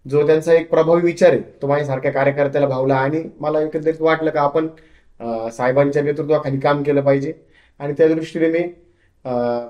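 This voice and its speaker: A man's voice: on the high side, fairly even intonation, fast talker, echoey room, highs cut off. A young man from Maharashtra, a party worker, answering interview questions earnestly, with hesitant restarts.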